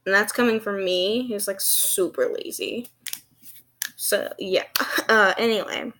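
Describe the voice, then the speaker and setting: Slow-talking young woman with a slushy lisp. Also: mid-range voice, steady tone, fairly bright tone. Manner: giggly, self-deprecating, hesitant. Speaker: vlogger. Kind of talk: casual rambling vlog chat.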